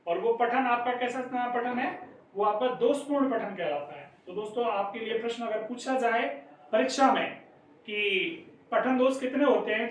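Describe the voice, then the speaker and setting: A man teaching an exam-prep lesson, explaining step by step and often calling his listeners friends. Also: sits high. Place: classroom. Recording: echoey room, distant mic, faint noise.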